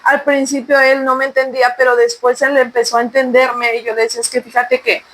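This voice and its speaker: A woman's voice: high voice, flat delivery, brisk, a bit bright, a little hiss or hum, rough recording. A woman sharing a personal faith testimony in an earnest, conversational way and urging listeners directly. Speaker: podcast co-host sharing testimony.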